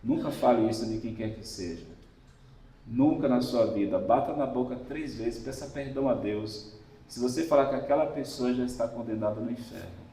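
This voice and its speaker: Brazilian priest preaching in echoey church. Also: male voice, medium pitch, moderate pace, warm tone, distant mic. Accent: Brazilian Portuguese. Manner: emphatic, repetitive exhortation addressing listeners directly. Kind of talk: Sunday homily.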